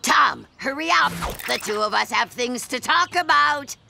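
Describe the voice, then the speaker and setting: A domineering cartoon mother with a gravelly, sharp-edged low voice. She speaks slowly and commandingly. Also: lively intonation, faint music behind, heavily acted. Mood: bossy. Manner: bossy, commanding. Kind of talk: cartoon voice acting.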